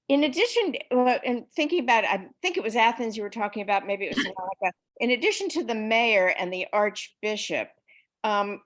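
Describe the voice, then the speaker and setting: A woman from the audience on a video call, politely asking a curious question. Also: mid-range voice. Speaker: audience member.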